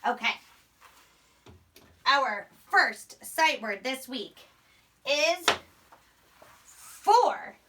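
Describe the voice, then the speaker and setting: A young primary school teacher sounds out words and letters emphatically during a phonics lesson for young children, speaking extremely slowly with long pauses in a high, animated voice. She's in a small indoor room at a whiteboard, recorded distantly by a camera mic a few steps away amid a noisy background.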